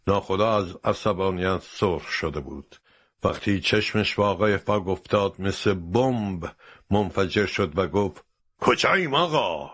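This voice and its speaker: A man narrating a storybook in a steady, expressive reading voice. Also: low voice, no echo.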